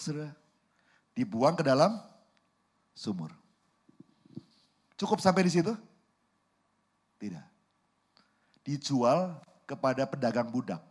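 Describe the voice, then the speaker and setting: A man pastor preaching a sermon, telling a lively story and often addressing the congregation directly. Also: mid-range voice, breathy edge. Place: church.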